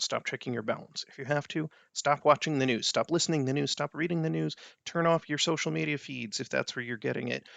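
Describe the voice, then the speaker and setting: A man's voice: medium pitch, vocal fry, a bit bright, no echo. A man hosting a personal finance video, giving blunt, emphatic advice in an explanatory monologue.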